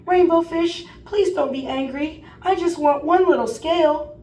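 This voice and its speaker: A woman's voice: high voice, unhurried, warm tone, voice pushed up. A woman voicing a small, sweet male fish from a storybook, with an eager, polite and bubbly manner. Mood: pleading. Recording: roomy, distant mic, noisy.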